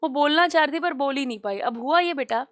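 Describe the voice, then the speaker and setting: A woman's voice: sits high, fast talker, a bit bright, dry recording. A woman teacher explaining a story to her class, mixing English lines with Hindi retelling and asking questions as she goes. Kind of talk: Hindi-English literature lesson.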